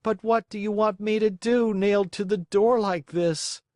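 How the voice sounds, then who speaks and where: A man voicing an excitable, pleading wooden puppet boy in a storybook reading. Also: high-pitched, moderate pace, dry recording, clean studio sound, voice pushed up, natural voice. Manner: eager, pleading.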